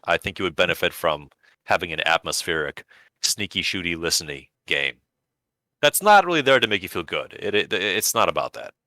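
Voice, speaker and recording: Deep-voiced sardonic man chatting. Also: sing-song, a little fast, bright, forceful tone, dry recording. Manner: dry, sardonic humor. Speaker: podcast co-host. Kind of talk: casual chat.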